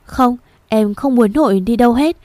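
A desperate young village girl, the grieving granddaughter, crying out and pleading in a raised, pitched-up voice, put on by a woman reading a story aloud. The tone stays mellow and warm underneath the strain. It is recorded close and dry, with no room sound at all. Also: moderate pace, no echo, natural voice. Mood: sobbing.

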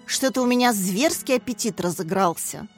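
A woman voicing a thoughtful father who recites poetry slowly and reflectively. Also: mid-range voice, lively intonation, soft background music, lightly acted. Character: adult father, thoughtful and admiring.

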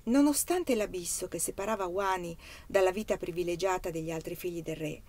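A woman reading a novel aloud as an audiobook narrator, in a measured, steady literary manner. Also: lowish voice. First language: Italian. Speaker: reader.

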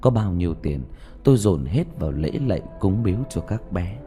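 A man reading a first-person story aloud in a slow, emotive, mournful narration. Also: sits low, lively intonation. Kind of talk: dramatic audiobook narration. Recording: soft music bed behind.

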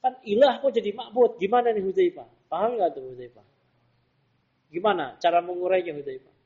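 A man's voice: sits high, a little fast, mellow, slightly rough. A man teaching a religious class, quizzing his students with rhetorical questions. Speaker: Islamic teacher. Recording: dull lo-fi lesson recording.

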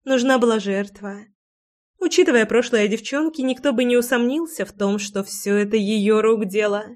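A woman doing a cold, gloating woman villain for a storybook, scheming and a touch high. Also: moderate pace, a little mellow, natural voice. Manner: cold, gloating, hissing threats.

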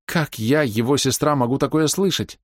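A man's voice: mid-range voice, normal speed, dry recording, clean studio sound, voice pushed up, natural voice. A man voicing a proud, distraught older woman who pleads and flares up in indignation. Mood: defiant. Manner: pleading, indignant, breaking into outbursts. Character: proud distraught older woman, fiercely defending her brother.

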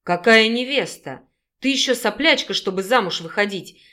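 A woman's voice: medium pitch, moderate pace, natural voice. Woman voicing a jealous young wolf-shifter man. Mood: angry. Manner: growling, pleading outbursts. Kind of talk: audiobook character reading.

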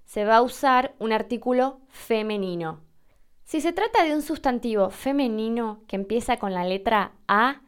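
A woman from Argentina with an Argentine Spanish accent, hosting a podcast and patiently explaining language questions from listeners. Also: a little high. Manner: clear, patient, explains step by step.

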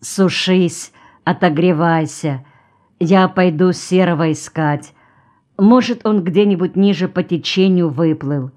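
A woman's voice: lowish voice, slow pace, darkish tone. A woman reading the lines of a tired, plain-spoken male horseman in an audiobook, in blunt country speech. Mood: caring.

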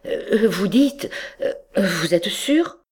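A woman's voice: a little slow, darkish tone, natural voice. A woman voicing a flustered, timid middle-aged male clerk who stammers in a raised voice. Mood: stammering. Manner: stammering, higher-pitched.

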